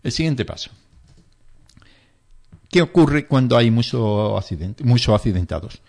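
A man's voice: medium pitch, expressive, measured pace, gravelly, a little mellow. A man explaining emergency first aid steps in an interview, emphatic and repetitive, stressing key points. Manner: emphatic, repetitive, acts out panicked bystanders in quotes.

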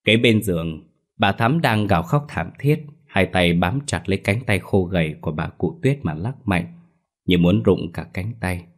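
A man reads a ghost story aloud in a very deep voice. His delivery is steady and dramatic, scripted narration for listeners. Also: moderate pace.

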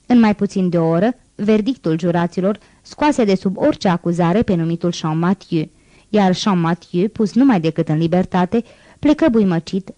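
A woman narrating a classic novel in an audiobook, reading in a measured, even way. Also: on the low side, dry recording. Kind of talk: scripted narration.

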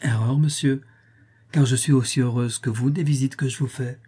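Lively teasing young woman, raised and bright, put on by a male reader with a husky tone. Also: mid-range voice, close to an everyday voice. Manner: playful, scolding, bright and quick.

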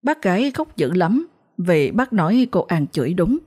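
Woman storyteller, lower pitch, steady plain ghost-story read. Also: normal speed, slightly rough.

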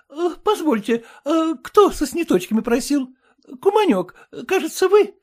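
A man's voice: very high-pitched, sing-song, a little slow, a little mellow, pitched above the performer's own voice, full character voice. A man voicing a young wife who is flustered and apologetic while serving pancakes to quarrelling relatives.

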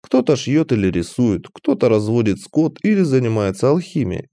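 A man narrates a fantasy audiobook in the first person, his pitch rising and falling with animation. His voice is mellow and warm. The recording is dry and close, with no room sound. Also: sing-song, moderate pace, no room sound.

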